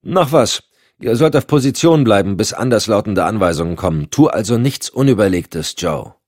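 A man's voice: fairly low pitch, lively intonation, normal speed, a little mellow, dry recording, voice pushed up. A man voicing a cool, dry-witted male special agent who speaks curtly. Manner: curt, matter-of-fact.

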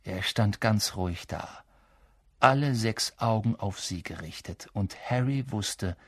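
A man's voice: on the low side, measured pace, fairly bright tone, breathy edge, no echo, studio quality. A man reading a storybook aloud with dramatic, vivid narration. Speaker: audiobook narrator. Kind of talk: scripted narration.

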